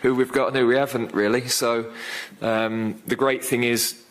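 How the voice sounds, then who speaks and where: Here a fifties-aged football manager responds at a post-match presser through a desk microphone, measured and reflective, with frequent fillers and false starts. The pitch is medium with little movement, and the audio quality is poor.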